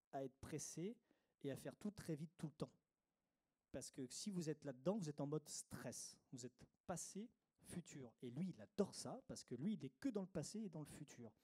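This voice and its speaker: Man with a mellow voice teaching meditation. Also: medium pitch, breathy edge. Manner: didactic, repeats key phrases, frequent "euh" and "ok?". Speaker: meditation consultant giving a workshop talk. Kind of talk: conference talk to a live audience.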